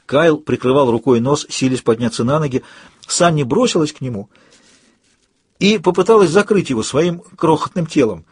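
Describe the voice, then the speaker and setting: Husky male audiobook narrator. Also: a little high, animated, moderate pace, no echo.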